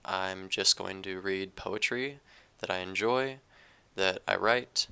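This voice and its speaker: A young man, recovering from an illness, who talks in a subdued, hesitant monotone and reads his own poetry. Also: slow, gravelly, smooth. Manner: subdued, low-energy and monotone; hesitant, with fillers and restarts. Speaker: poetry channel creator. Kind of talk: casual talk to camera, then poetry reading.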